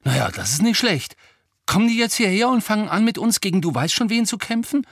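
An eager teenage boy, as an audiobook reader puts him on, pitched higher and louder than the narration. He talks quickly and excitedly, with a husky edge and a dry close sound. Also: no echo, lightly acted. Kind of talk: audiobook character voice.

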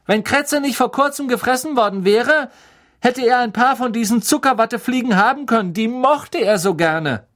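A man voicing a stubborn, indignant teenage schoolboy in an audiobook, loud, high and complaining. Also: animated, moderate pace. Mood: sneering.

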